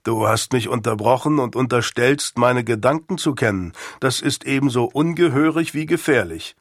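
A man voicing a grave older male statesman who is stern yet kindly, speaking in a measured, solemn and reproving manner. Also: mid-range voice, no room sound, studio quality, lightly acted. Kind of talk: audiobook character voice.

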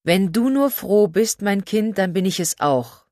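A gentle middle-aged mother, caught off guard, answers slowly and softly in a storybook reading, as a female narrator puts her on. Her voice sits a little above the narrator's own. The sound is dry and close. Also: medium pitch, expressive, no room sound, natural voice. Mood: tender stunned. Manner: slow, soft and hesitant.

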